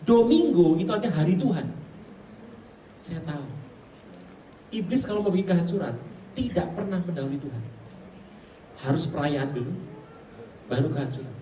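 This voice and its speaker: A man's voice: on the high side, moderate pace, pauses often. Male preacher, storytelling sermon, acts out quotes; distant mic, echoey church, light hiss. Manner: animated storyteller who acts out quoted voices. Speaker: pastor. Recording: echoey hall, mic far off, faint noise.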